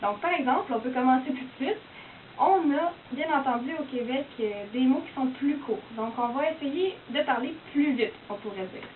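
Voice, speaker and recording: A young woman with a high, light voice and a Québécois French accent talks in a casual, chatty way, filling her sentences with "donc" and "euh." She sounds some distance from the mic in an echoey room. The sound is thin and phone-like, with a faint hiss underneath. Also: normal speed. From Quebec. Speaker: university student explaining her dialect. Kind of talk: casual explanatory talk.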